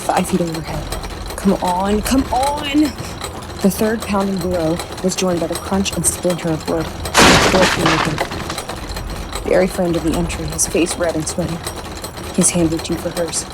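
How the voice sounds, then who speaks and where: A woman's voice: lowish voice, level tone, moderate pace, very noisy. A woman narrating a horror audiobook with tense, dramatic storytelling. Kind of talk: scripted narration.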